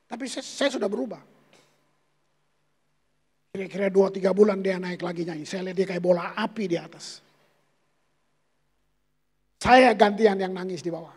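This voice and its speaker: Guy preaching a sermon in a big church, kinda high voice, husky, lots of hall echo. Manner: storytelling preacher addressing congregation as "saudara". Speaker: pastor. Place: church sanctuary. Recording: long church hall reverb.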